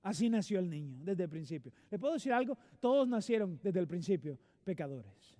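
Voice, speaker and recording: A man's voice: high voice, sing-song, brisk, warm tone. A male pastor preaching a sermon in a church, earnest and direct with his congregation. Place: church sanctuary.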